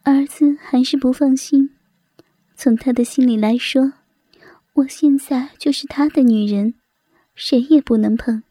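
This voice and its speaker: A woman narrating a story in a soft, breathy whisper. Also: sits high, steady tone, unhurried, no room sound.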